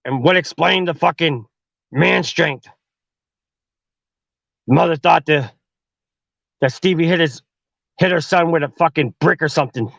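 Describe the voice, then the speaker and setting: A man's voice: a little high, measured pace, gravelly, long pauses, fairly bright tone, no echo, dull audio. A man telling a horror story on his podcast in a profane, slangy way. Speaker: podcast host.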